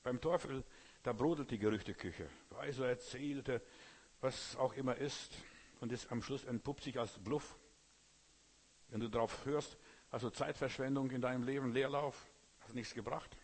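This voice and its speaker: A man's voice: medium pitch, normal speed, husky. A man preacher giving an emphatic sermon, talking straight to his listeners and often asking if they understand. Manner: emphatic, talks straight to listeners with frequent "you know?".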